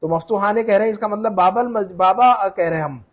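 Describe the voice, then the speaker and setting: A man teaching Arabic grammar in a one-on-one lesson, explaining slowly and repeatedly asking his student questions. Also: high voice. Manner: patient, repeats and quizzes the student.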